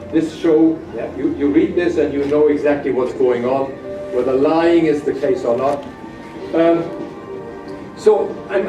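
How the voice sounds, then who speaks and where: A man giving a halting academic keynote lecture, with frequent hesitations, in a conference room. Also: a little high. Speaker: keynote speaker. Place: hotel conference room, at a lectern. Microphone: far camera at back of room. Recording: echoey distant room recording with noise.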